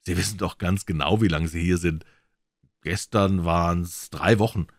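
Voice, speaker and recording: A man's voice: deep voice, normal speed, dry recording, clean studio sound. A man voicing a stern, weary male prison guard who scolds curtly in a read-aloud crime story. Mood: scolding. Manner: curt, scolding.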